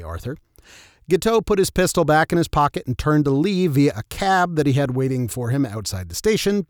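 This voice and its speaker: A man with a slightly high voice tells a story as a true crime narrator would. The delivery is scripted yet wry, with tongue-in-cheek humor, and the sound is close and dry. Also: no echo. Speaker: narrator and host of a history show.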